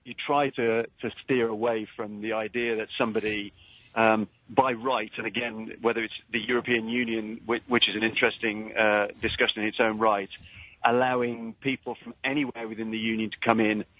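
Halting, polite Englishman calling talk radio. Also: fairly low pitch, flat delivery, a bit bright, no echo, poor audio. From England. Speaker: caller to a radio show. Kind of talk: earnest political discussion.

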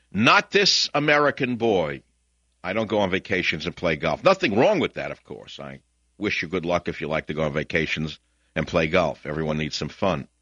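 An older man with a Bronx New York accent hosts a talk radio show, ranting combatively and lurching between muttering and shouting into a studio mic. His voice is deep with no echo, and the broadcast audio sounds dull, lo-fi, and dry.

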